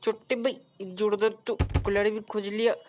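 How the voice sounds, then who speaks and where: A woman's voice: medium pitch, little pitch movement, moderate pace, darkish tone, a little hiss or hum, close to an everyday voice. Woman voicing a naive cartoon boy, whiny, questioning, clueless, comic gameplay commentary. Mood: giggly.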